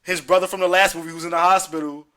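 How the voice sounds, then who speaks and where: A man's voice: high-pitched, steady tone, fast talker, bright, forceful tone. A man, hosting a casual podcast chat, talking in profane street slang and telling stories with animation. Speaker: podcast host.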